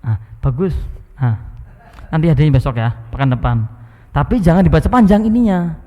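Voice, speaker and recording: A male Islamic teacher leads an evening study circle in a mosque. He talks in a conversational way, coaxing and gently teasing his listeners, and his voice sits a touch higher than most men's. A long reverb from the prayer hall trails after each phrase. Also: fairly quick, muffled recording. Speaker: Islamic teacher giving a Quran commentary class.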